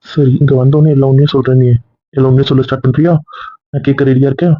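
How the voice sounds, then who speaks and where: A man's voice: mid-range voice, flat delivery, fast, dry recording, natural voice. A man acting as a worried husband who pleads with his wife and grows heated, in an amateur serial drama. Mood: pleading. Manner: pleading, then heated and insistent. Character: worried, possessive young husband. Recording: dry, tinny phone-like recording.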